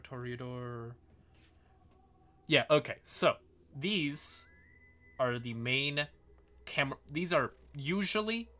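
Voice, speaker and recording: A tired man hosts a casual livestream, yawning as he explains fantasy game lore in an informal, sweary, apologetic way. His medium-pitched voice sounds pushed and bright.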